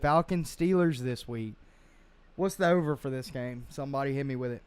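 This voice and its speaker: A man's voice: medium pitch, moderate pace, clear, resonant tone. A man hosting a casual sports podcast, joking and running through weekly picks. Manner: animated, joking, leads the picks. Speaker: podcast host.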